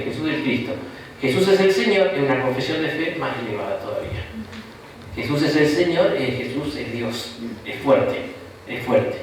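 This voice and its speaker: A man's voice: medium pitch, far from the mic, a little hiss or hum. A man with an Argentine accent, a bishop giving an informal Bible class, chatty and jokey, often tagging sentences with a questioning "no?". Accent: Rioplatense Argentine Spanish. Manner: chatty and jokey, with frequent rhetorical "¿no?". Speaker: bishop teaching a Bible course. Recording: echoey room recorded from afar.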